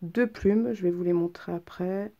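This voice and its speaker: In a lo-fi recording, a craft vlogger with a head cold talks at a moderate pace in a voice on the low side. She's stuffy and presents her handmade cards casually, in a chatty but hesitant manner full of ums.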